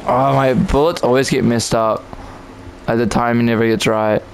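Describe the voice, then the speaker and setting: A man's voice: medium pitch, fairly even intonation, moderate pace, a little hiss or hum, poor audio. A man giving casual, jokey commentary on his own gameplay, chatting to himself and to other players.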